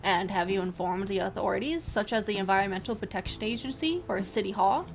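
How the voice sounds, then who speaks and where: A woman putting on a reporter voice for a fox news reporter in a game, speaking loud and formal like a broadcaster. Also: medium pitch, fairly quick, creaky, a little hiss or hum, close to an everyday voice. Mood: reporting. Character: eager young male fox news reporter.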